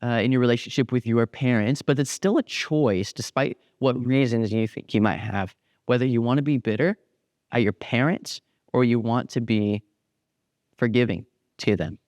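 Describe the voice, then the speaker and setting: A young man giving a casual youth sermon, animated, acting out little quotes as he goes. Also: mid-range voice, normal speed, no echo, studio quality. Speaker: youth pastor.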